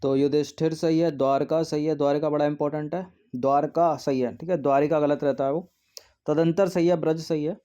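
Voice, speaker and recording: Guy going through test answers, slightly high voice, mellow, keeps repeating words. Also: steady tone, fairly quick, clean tone. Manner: explanatory, repeats words while checking answers. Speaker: exam prep teacher. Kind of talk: exam test walkthrough.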